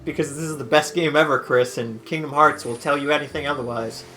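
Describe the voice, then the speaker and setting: A woman with a very low-pitched, bright and forceful voice co-commentating a game. She chats casually and emphatically, repeating herself, with music playing underneath. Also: quick pace, rough recording. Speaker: gaming commentator. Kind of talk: casual let's play banter.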